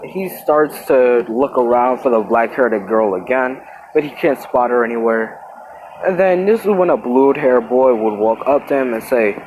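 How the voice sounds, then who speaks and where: A man's voice: medium pitch, darkish tone, a little hiss or hum, rough recording. A young man casually retelling a fan-made story, rambling with restarts and lightly voicing each character's lines.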